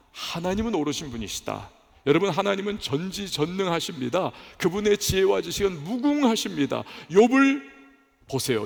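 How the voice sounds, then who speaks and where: A man's voice: high voice, vocal fry. A man preaching a sermon as pastor, speaking emphatically and often putting questions to the congregation. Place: church sanctuary. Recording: echoey church hall.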